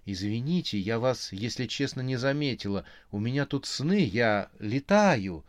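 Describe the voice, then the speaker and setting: A man voicing a quarrelsome young woman, shouting and indignant. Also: mid-range voice, lively intonation, a little slow, no room sound, studio quality, lightly acted. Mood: apologetic.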